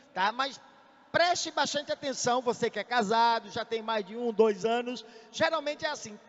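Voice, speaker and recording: A man with a Brazilian Portuguese accent giving a measured church teaching talk on marriage, often checking in with his listeners. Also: very high-pitched, fairly bright tone. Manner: measured, checks in with "tá?" tag questions. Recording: echoey hall, dull lo-fi sound.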